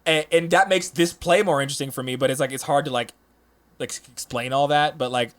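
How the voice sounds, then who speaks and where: Man, podcast panelist, rambling, mid-pitched voice. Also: steady tone, fast, fairly bright tone. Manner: rambling, many restarts and fillers. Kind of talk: casual chat.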